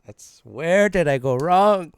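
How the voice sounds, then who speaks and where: A man's voice: fairly high pitch, lively intonation, slow, clear, resonant tone, dry recording. A man voicing a disappointed mother who scolds her son and mixes Spanish words into English. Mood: pained. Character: disappointed middle-aged mother, stern but loving.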